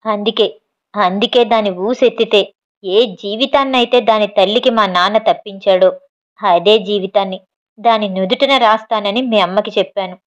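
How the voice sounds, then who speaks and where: A woman's voice: medium pitch, normal speed, lo-fi sound, lightly acted. A woman voicing an arrogant scheming father. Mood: defiant. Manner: defiant, contemptuous.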